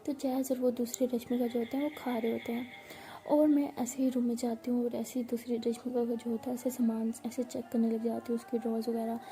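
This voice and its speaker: Woman chatting through a love story, super mellow dark tone, kinda high pitched, teases her viewers. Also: little pitch movement, brisk. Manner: chatty, mixes English words into Hindi, drops into hushed asides; scolds viewers playfully for not liking her videos. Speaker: storytelling vlogger. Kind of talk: casual first-person storytime narration.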